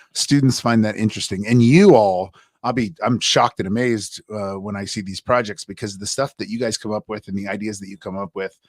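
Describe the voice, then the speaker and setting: A man's voice: fairly low pitch, no room sound. A man teaching a college humanities class over a livestream, chatty and loose, with many fillers and restarts. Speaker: college instructor. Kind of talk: casual livestream class talk.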